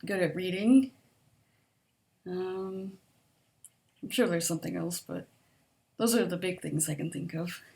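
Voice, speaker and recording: A soft-spoken vlogger casually answers a survey, working through the questions hesitantly with frequent ums and likes, soft laughs, and a mild stutter that now and then catches on a word. Her quiet voice is lowish and gravelly.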